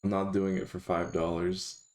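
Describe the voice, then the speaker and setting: A man's voice: deep voice, flat delivery, normal speed, a little mellow. A man chatting casually on a live stream, talking to his chat in a dry, sarcastic way.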